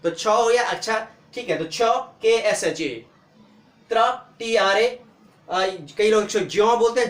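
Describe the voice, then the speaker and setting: A man teaching the alphabet, spelling out each letter slowly and answering his own questions as he explains. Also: high voice, echoey room. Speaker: language teacher. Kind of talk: explaining lesson.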